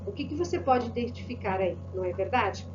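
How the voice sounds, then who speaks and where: A woman's voice: on the high side, expressive, fairly quick. A Brazilian woman teaching an online Spanish class, encouraging and asking many rhetorical questions. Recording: muffled lo-fi audio with background hiss.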